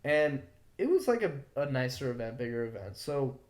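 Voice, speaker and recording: A young man co-hosts a podcast. He tells a story in loose, heated casual talk, full of swearing and "like" fillers. His voice sits at an ordinary pitch and echoes around a roomy space. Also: big pitch swings, moderate pace, a little mellow. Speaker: podcast co-host. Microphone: podcast mic. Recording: roomy echo.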